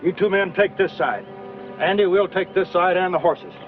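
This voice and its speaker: A man plays a commanding American lawman in an old western. He speaks in clipped orders with a fairly high male voice. Music plays behind him on a dull, muffled soundtrack. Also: normal speed, lightly acted. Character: commanding frontier lawman leading a posse. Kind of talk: old western film acting.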